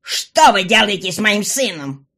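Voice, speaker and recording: A woman voicing a fat, furious female goblin mother in an audiobook, yelling slow drawn-out demands. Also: medium pitch, very animated, pitched above the performer's own voice, heavily acted. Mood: demanding. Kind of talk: audiobook character voice.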